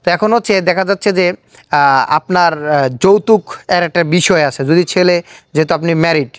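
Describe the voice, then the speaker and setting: Recorded dry and at studio quality, this Bangladeshi-accented host talks at a moderate pace in a mid-range voice. He conducts a laid-back on-camera street interview, probing by echoing answers as questions.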